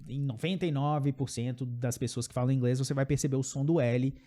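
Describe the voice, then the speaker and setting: A Brazilian man, a native Portuguese speaker, gives an English pronunciation lesson, saying example words slowly and often checking in with "ok?". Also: medium pitch, fairly even intonation, mellow. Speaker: English teacher.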